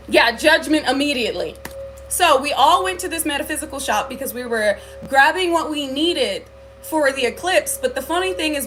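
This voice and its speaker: A woman's voice: high voice, pushed and bright, slight background noise. A woman talking to her viewers on a livestream, telling a spiritual story in an earnest way with many filler likes and ums. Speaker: spiritual reader. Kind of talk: livestream talk.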